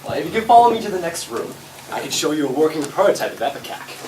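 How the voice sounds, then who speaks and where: Man playing an excitable young-at-heart inventor, swooping pitch. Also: fast. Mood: eager. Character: eager, deferential male inventor, nervously excitable. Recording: echoey room, distant mic, noisy clicks.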